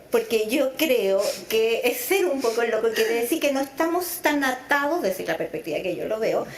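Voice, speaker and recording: A middle-aged woman psychologist, Chilean by origin and raised in Venezuela, is the guest in a conversational interview. She speaks thoughtfully, elongating words for emphasis, in a voice on the high side with a roomy sound.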